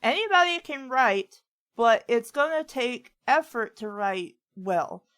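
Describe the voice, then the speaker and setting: This woman's voice is a little high and sing-song, fairly bright, and slow-paced. She hosts a writing advice talk, chatting casually and rambling as she offers advice, frequently voicing what others have said.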